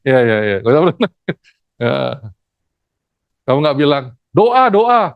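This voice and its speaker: A theology lecturer giving a lively classroom lecture, acting out stories and asking the class questions. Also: mid-range voice, slow, no room sound, lo-fi sound. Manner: animated, acts out stories, asks the class questions.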